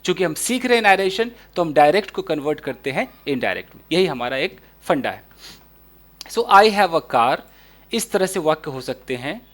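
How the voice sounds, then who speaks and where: A man teaching English grammar in a casual explaining style, reading example sentences slowly and deliberately. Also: fairly high pitch, lively intonation. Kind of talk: spoken English lesson in Hindi.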